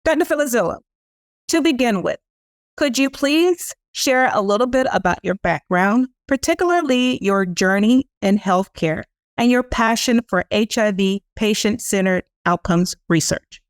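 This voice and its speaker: A woman's voice: a little high, lively intonation, measured pace, no room sound, studio quality. Formal woman hosting an interview. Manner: formal and polished. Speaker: program director, interview host. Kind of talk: scripted introduction and interview questions.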